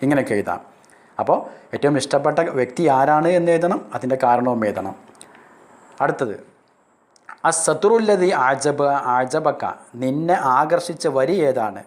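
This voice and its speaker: A male Arabic teacher from Kerala explaining a lesson step by step, speaking Arabic phrases slowly and then translating them. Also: medium pitch, expressive. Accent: Kerala Malayalam. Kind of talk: recorded classroom lesson.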